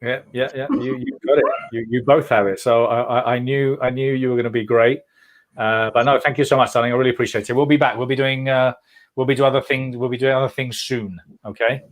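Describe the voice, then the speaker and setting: A man's voice: medium pitch, steady tone, fast talker. A man hosting an online event, effusively thanking guests and calling them darling. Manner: warm, effusive thanks, calls people darling. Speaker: host. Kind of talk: online panel chat.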